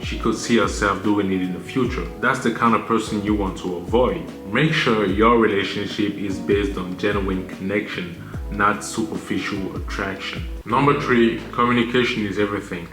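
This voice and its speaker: A man in his thirties from Cameroon, giving measured list-style advice to his channel audience with the odd filler. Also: fairly low pitch, fairly even intonation. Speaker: channel host. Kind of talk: scripted commentary to camera. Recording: roomy echo with music bed.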